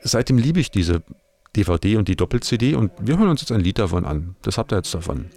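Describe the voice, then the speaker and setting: Creaky-voiced middle-aged man hosting music radio. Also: lowish voice, very animated, quick pace, dark tone. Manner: self-ironic, digressive, colloquial. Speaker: radio music show host. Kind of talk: casual rambling music presenting.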